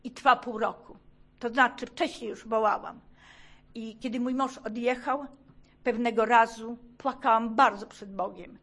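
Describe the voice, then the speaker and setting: Middle-aged woman, kinda high voice, emotional church testimony, keeps repeating stuff with real urgency. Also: fairly even intonation, a little slow, a bit bright. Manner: fervent, emphatic, repeats urgent phrases. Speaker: testimony speaker. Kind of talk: emotional religious testimony to a congregation.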